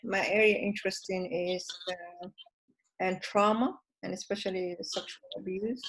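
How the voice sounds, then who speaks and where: A woman therapist introducing herself on an online panel call, speaking haltingly and searching for words. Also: medium pitch, vocal fry, poor audio. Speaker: psychotherapist panelist.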